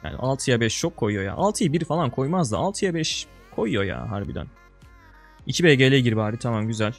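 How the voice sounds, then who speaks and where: Excitable young man narrating gameplay. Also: a little fast, faint music behind. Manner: excitable, swinging between loud outbursts and low mutters; slangy, buddy-style address to viewers. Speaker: gaming video creator. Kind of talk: casual gameplay commentary.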